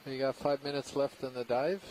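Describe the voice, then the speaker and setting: A man giving casual, live commentary as a scientist on a deep-sea robot dive. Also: fairly even intonation, a little fast, darkish tone. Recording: faintly noisy live audio feed.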